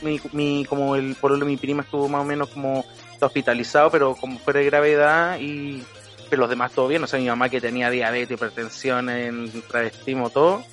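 A man's voice: medium pitch, flat delivery, fairly quick, fairly bright tone, soft background music. A man in his thirties with a Chilean accent, chatting casually as a podcast co-host. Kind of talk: casual chat.

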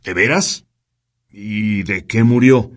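A man's voice: lowish voice, takes it slowly, pitched above the performer's own voice. A man voicing an ironic, impatient military officer riding as a passenger in a storybook reading. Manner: ironic, mocking.

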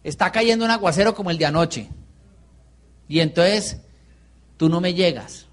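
A man with a Colombian accent delivers a live motivational business seminar in a high-pitched voice at a moderate pace. He's playful, firing rhetorical questions at the audience.

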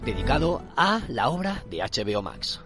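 A man from Spain with a hoarse voice from a cold, hosting a casual solo commentary podcast and often restarting his words. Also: medium pitch, big pitch swings, over loud music. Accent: Spain Spanish. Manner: halting, repeats and restarts words. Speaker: podcast host.

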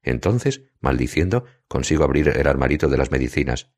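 A man reading a novel aloud in the first person, with a steady, deliberate delivery. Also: very deep voice. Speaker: audiobook narrator.

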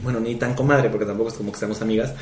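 A man's voice: fairly low pitch, fairly even intonation, racing, a little mellow. A man co-hosting a casual gossip chat, playful and teasing. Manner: playful, teasing, calls listeners "hermanas". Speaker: podcast co-host. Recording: roomy echo, faint background noise.

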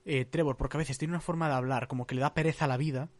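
A man chatting on a podcast, recorded close and dry with no room sound. He speaks in a measured way, pausing on small fillers. His pitch sits in an ordinary male range. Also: steady tone, no room sound. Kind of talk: casual chat.

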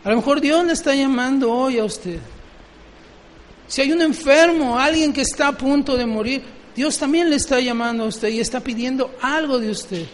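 A man's voice: very high voice, moderate pace, long reverb tail. A man preaching a sermon, often asking the congregation questions.

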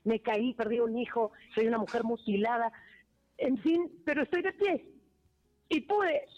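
A woman's voice: fairly high pitch, unhurried, darkish tone. A woman singer calling in to a radio interview, speaking heartfelt and confiding over a glitching phone line that keeps cutting out. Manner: heartfelt, confiding, many restarts.

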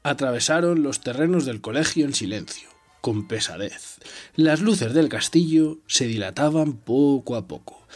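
A man's voice: mid-range voice, darkish tone, breathy edge. A man reading a novel aloud, taking turns with a partner, telling it dramatically and dropping to a whisper in tense moments. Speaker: reader.

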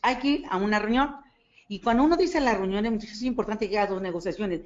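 A woman with a Mexican Spanish accent giving a motivational talk on network marketing, animated and acting out dialogue as she tells stories. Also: mid-range voice, brisk. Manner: animated storytelling, acts out dialogue, asks listeners for agreement. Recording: dull lo-fi recording.

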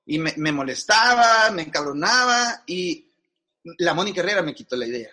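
A man's voice: high-pitched, big pitch swings, moderate pace, pushed and bright. A middle-aged man, a guest in a casual interview, talking frankly in slang and often restarting his phrases. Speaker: guest advertising executive.

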